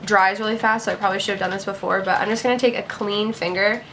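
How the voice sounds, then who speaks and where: A woman's voice: mid-range voice, fairly even intonation, fast talker, a bit bright. Young female vlogger, casual talk-through makeup tutorial, breezy filler-heavy delivery, faint background hiss. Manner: chatty, upbeat, lots of "like" and "gonna". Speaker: beauty vlogger.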